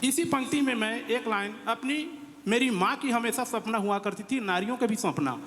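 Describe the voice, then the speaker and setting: A man with a Chhattisgarhi accent, a local poet giving a speech and singing his own folk verses, slow and drawn out. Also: very high voice, a bit bright. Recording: hall reverb, faint music.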